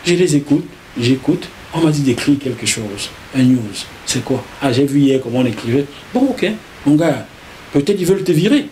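A middle-aged man with a Cameroonian French accent, a journalist recounting his career as an interview guest, animated and repeating words as he goes. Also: medium pitch, moderate pace, slight background noise. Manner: animated, repeats words while telling a story. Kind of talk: casual interview storytelling.

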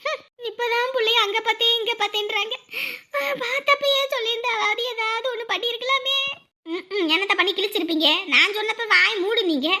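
Casting note: very high, bright woman with a Kanyakumari Tamil accent, cartoon village quarrels. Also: fairly quick.

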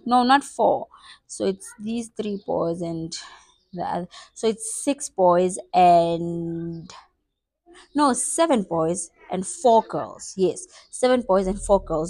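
Young South African woman, playful vlog chatter, mid-pitched voice, dry close sound. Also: no echo. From South Africa, Eastern Cape. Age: 20s. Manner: chatty, playful, self-mocking. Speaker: vlogger. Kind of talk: casual get-to-know-me vlog.

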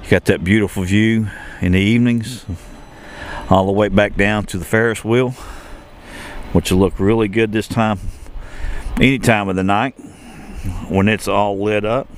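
Guy vlogging on a walk outside, kinda low voice, lots of uh's and restarts, faint traffic behind. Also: fairly even intonation, normal speed. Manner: rambling, with many fillers and restarts. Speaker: travel vlogger. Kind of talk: casual walking tour commentary. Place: outdoors at a shopping and entertainment complex.

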